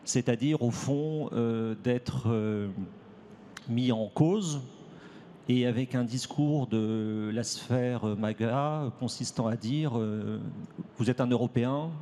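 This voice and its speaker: Man, historian, mellow dark voice, steady explanation, faint noise. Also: medium pitch, takes it slowly. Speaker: panel guest, historian. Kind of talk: panel discussion.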